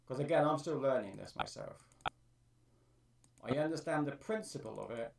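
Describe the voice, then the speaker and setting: A man's voice: mid-range voice, animated, moderate pace, creaky, roomy sound, distant mic, background noise. A man on a live stream, thinking aloud as he explains how he edits his own vocal track. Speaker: streamer and amateur music producer. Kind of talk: live-stream tutorial talk.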